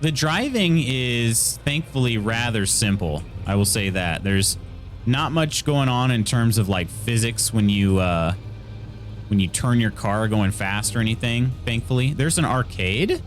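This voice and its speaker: A man's voice: mid-range voice, lively intonation, unhurried. Jokey Midwestern American man streaming, music behind. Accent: American Midwest with some Southern. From Indiana, US Midwest. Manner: jokey, rambling, reading viewer comments aloud. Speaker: live game streamer. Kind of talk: casual live gameplay chat.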